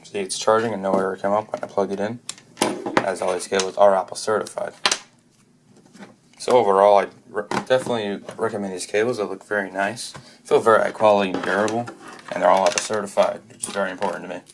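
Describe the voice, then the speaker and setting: A man with a fairly low voice talks through a product review as he goes, unscripted. He often trips over words and restarts phrases. A faint noise sits under his voice. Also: fairly even intonation. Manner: halting, frequent restarts and self-corrections.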